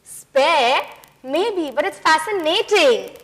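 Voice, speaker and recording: A woman playing a grand, theatrical art critic who speaks slowly and grandly. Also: high voice, lively intonation, fairly bright tone, exaggerated voice, rough recording. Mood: pompous. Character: grand deaf-rumored elderly female art critic. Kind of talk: amateur stage comedy acting.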